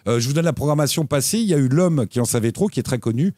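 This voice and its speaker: A man co-hosting a casual chat show about TV and streaming picks, talking in an animated way with lively jumps in pitch. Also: rapid-fire, dry recording, clean studio sound. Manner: animated, lively pitch swings, frequent restarts. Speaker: co-host recommending TV shows.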